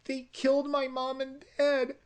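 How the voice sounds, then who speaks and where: A sweet, frightened teenage girl pleads in a high, innocent voice, as a storyteller puts her on. She speaks slowly in a comic horror pitch, and the voice sits well above the storyteller's own. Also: completely flat delivery, smooth. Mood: sweet pleading. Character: young girl, sweet then possessed.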